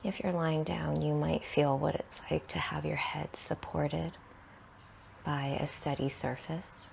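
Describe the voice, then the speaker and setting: A woman leads a meditation in a low, heavily creaky voice with little pitch movement. She goes very slowly and soothingly, her short phrases fading softly and breathily into long pauses, with a slight hiss or hum present.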